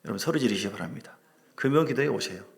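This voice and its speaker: A middle-aged man preaching a sermon as a pastor in a church, lively and joking with his congregation. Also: medium pitch, very fast, creaky. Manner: animated preaching with humor, asides to the congregation. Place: church sanctuary.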